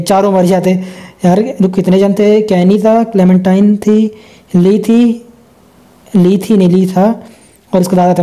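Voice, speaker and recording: A man's voice: high-pitched, warm tone. A young man giving casual, joking commentary over gameplay and talking to himself as he plays. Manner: chatty, joking, talks to himself.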